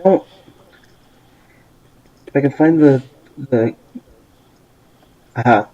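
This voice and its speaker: A man's voice: medium pitch, very slow, warm tone. Matter-of-fact man, muffled lo-fi audio. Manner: matter-of-fact about the rules. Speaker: player. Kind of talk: casual tabletop game chat. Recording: muffled lo-fi audio with crowd noise.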